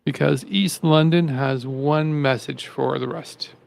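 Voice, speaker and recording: A man's voice: a little high, steady tone, slow pace, vocal fry, no echo. A man co-hosting a live political talk show, rambling and repeating himself as he gets fired up. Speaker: co-host. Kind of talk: casual political commentary.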